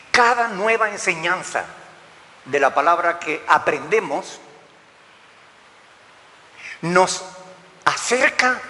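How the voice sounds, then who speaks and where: A man's voice: a little high, pushed and bright. A man, preaching a sermon as a pastor, asking rhetorical questions and joking with the congregation. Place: church hall. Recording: long church reverb.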